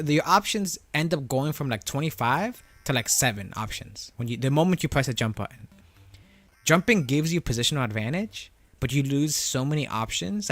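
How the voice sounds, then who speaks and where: A man speaks through a voice changer at a middling pitch, with music behind him. He talks like a livestreamer in casual gaming chat, explaining points step by step and often checking that the listener follows. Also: a bit bright. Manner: explanatory, often checking with "right?" and "you know?". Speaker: livestreamer answering chat about a fighting game.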